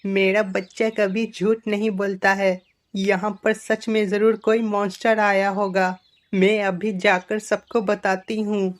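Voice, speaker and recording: A voice actor playing a worried mother in a children's cartoon, in a high, fretting voice. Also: little pitch movement, measured pace, lightly acted. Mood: alarmed.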